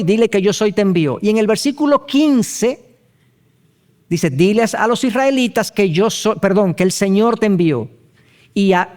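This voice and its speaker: A male pastor teaching a Bible study, explaining step by step, asking rhetorical questions and spelling terms out slowly. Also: sits high, darkish tone.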